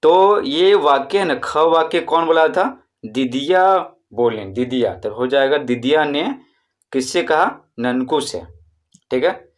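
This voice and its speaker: A man's voice: fairly high pitch, slow pace. A man with a Bihari Hindi accent, teaching a primary-school textbook chapter. He repeats and drills the answers and draws out words to show how someone calls out. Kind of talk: explaining a textbook chapter to pupils.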